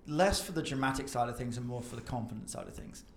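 A man's voice: medium pitch, animated, fast talker. A man co-hosting a casual chat with dry, jokey banter. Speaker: podcast co-host. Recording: roomy echo, clear background noise.

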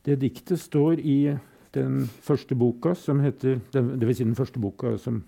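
A man recites poems in a slow, solemn way, leaving long pauses between lines. His voice is gravelly and very dark, with a mellow, low warmth. Between poems he adds short spoken comments. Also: fairly even intonation. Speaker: poetry reader and commentator. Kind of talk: reading poems aloud with brief commentary.

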